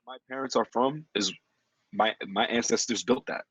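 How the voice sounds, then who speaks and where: A man's voice: medium pitch, normal speed, a bit bright, slightly rough, no room sound, low-quality recording. A man hosting a podcast, talking loosely with frequent ums and casual swearing. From Dominican heritage. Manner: loose, profane, thinks aloud with many ums. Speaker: podcast host. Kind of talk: casual chat.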